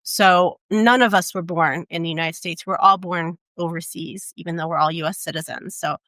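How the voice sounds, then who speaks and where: A woman in her forties with a fairly low voice talks through her working life at an unhurried, storytelling pace, often dropping in "right?" and "um". She is recorded close to the mic in a dry space with almost no room sound. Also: fairly even intonation, a bit bright, no room sound. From Portugal. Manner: reflective, storytelling, frequent "um" and "right?". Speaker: interview guest, luxury travel advisor. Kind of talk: conversational interview.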